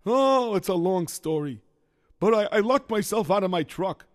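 A man's voice: high voice, expressive, normal speed, no room sound, clean studio sound. A man playing a bumbling handyman who talks himself through every mishap, with Yiddish exclamations scattered through his muttering. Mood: sheepish. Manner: rambling self-talk, sprinkled with Yiddish exclamations. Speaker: lunch driver. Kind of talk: children's comedy sketch.

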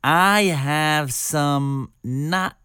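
A man's voice: fairly high pitch, drawn-out words, clean tone, no echo, clean studio sound, heavily acted. A man doing a mild old-world bagel maker. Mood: apologetic. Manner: soft, hesitant, Yiddish-flavored. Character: humble gentle male bagel maker, mild and earnest.

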